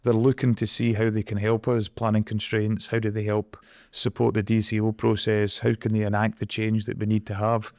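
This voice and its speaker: A low, gravelly-voiced Scottish man speaks as an interview guest, earnest and reflective. His delivery stays fairly flat in pitch. The studio sound is dry and close. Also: moderate pace, dry recording. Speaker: guest, energy project director. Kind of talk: conversational interview.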